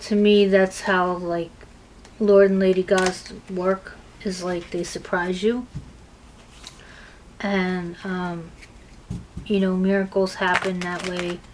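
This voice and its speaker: A woman's voice: fairly low pitch, flat delivery, slow, pauses often, rough recording. A woman giving a tarot reading, chatting casually with many fillers while she shuffles cards. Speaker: tarot reader. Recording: clear noise of card shuffling.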